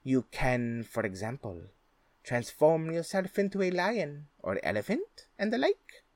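A man voicing a cunning, flattering male cat in boots who talks in a courtly, polite way. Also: fairly high pitch, measured pace, dry recording, pitched above the performer's own voice.

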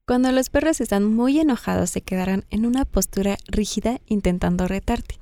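Mellow woman co-host. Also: mid-range voice, fairly quick, no echo. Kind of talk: casual chat, reading tips.

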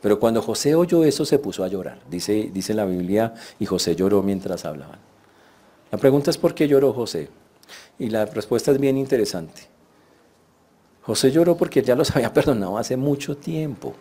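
A man's voice: lowish voice, expressive, moderate pace, warm tone. A man preaching a sermon, telling the story vividly and acting out the voices of the people he quotes.

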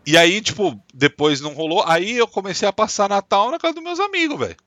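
A man's voice: high voice, very animated, brisk, sharp tone, dry recording. A man with a Brazilian Portuguese accent chatting casually, with a slangy, joking manner, as a co-host. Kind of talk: casual chat.

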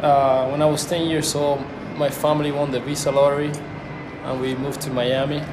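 A young Cuban man whose first language is Spanish appears as an interview guest, reflecting and searching for his words in casual conversation. His voice is medium-pitched and level, at a normal speed. The recording sounds roomy, with background noise.

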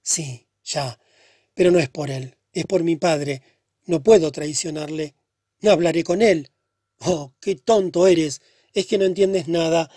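A man reading the part of a pale, troubled young woman who speaks softly and sadly. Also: low-pitched, measured pace, dry recording, clean studio sound. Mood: pleading. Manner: soft, subdued and hushed.

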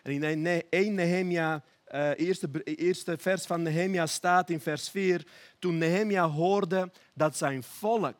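A young man from Armenia preaching an earnest, emphatic sermon, slowing down for prayerful appeals. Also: fairly high pitch.

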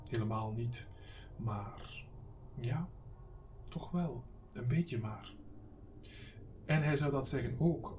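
A man reading a horror story aloud as an audiobook narrator, measured and slowing down for suspense. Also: mid-range voice, darkish tone. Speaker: audiobook reader. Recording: distant mic with faint background noise.

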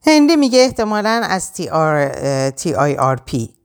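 A woman's voice: low voice, big pitch swings, clean tone. A woman narrator voicing an anxious, weary heroine who answers tensely and curtly. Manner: tense, curt.

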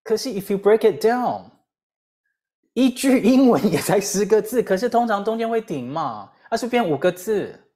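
A woman with a Taiwanese Mandarin accent giving a lively English lesson, full of rhetorical questions and repeated drills. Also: mid-range voice, moderate pace. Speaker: English teacher. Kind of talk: lively lecture.

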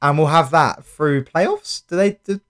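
A man's voice: a little high, unhurried, smooth. A young man with a South London accent, co-hosting a sports podcast in casual chat. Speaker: podcast co-host.

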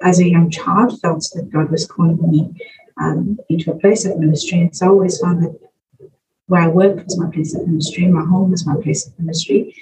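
A middle-aged South African woman who works in children's ministry appears as a podcast guest, answering questions conversationally. Her voice is on the low side, mellow and steady, and fairly quick, captured by a muffled, distant mic with faint noise.

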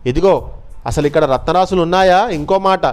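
A man voicing a greedy young man who pleads in high, strained cries. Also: brisk, clear, resonant tone, soft background music, lightly acted. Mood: eager questioning.

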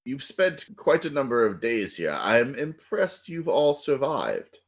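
A man voicing an ancient villainous dark god in a tabletop game, gloating and mocking with slow, theatrical menace. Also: medium pitch, huge pitch swings, heavily acted.

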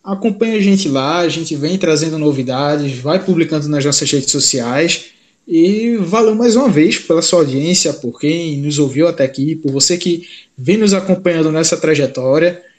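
A man's voice: on the high side, animated, moderate pace, a little mellow. A man hosting a sports podcast in an informal, colloquial way. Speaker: podcast host. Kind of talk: casual sports podcast talk.

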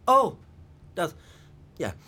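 A man's voice: very slow, pushed and bright, full character voice. A man playing a pompous, fame-hungry prosecutor who talks in a blustering, mocking way in an audio drama. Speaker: public prosecutor.

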